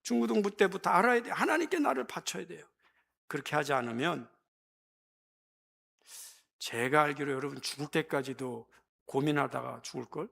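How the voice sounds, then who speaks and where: Intense, gravelly-voiced preaching pastor. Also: male voice, on the high side, lively intonation, moderate pace, pauses often, fairly bright tone. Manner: impassioned preaching, mimics voices. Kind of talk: sermon. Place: church.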